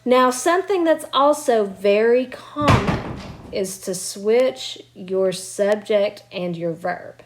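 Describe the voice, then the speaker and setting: A woman's voice: mid-range voice, slow pace, noisy background. Woman teacher recording a lesson at home, walks through grammar step by step, patient and encouraging. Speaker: Spanish teacher. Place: at home with children nearby.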